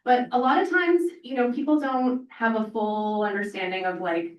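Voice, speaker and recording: A woman's voice: a little high, normal speed, highs cut off. A woman speaking on a panel as a parent organizer, earnest and rambling with many fillers, audibly emotional. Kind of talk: panel discussion. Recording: echoey room, from far off.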